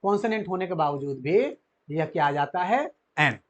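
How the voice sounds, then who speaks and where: A man's voice: a little high, expressive, normal speed. A man teaching a grammar lesson to children, asking them questions and answering them himself.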